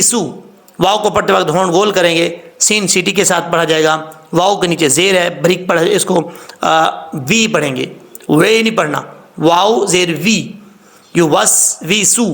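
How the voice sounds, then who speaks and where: A man teaching Quran recitation rules, patiently explaining step by step, spelling out sounds slowly and repeating rules about common mistakes. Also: high-pitched, vocal fry, bright, forceful tone. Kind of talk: tajweed lesson.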